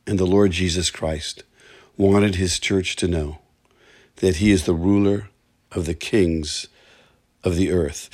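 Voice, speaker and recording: A man preaching a sermon in an earnest, measured way, slowing down to stress key words. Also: lowish voice, darkish tone.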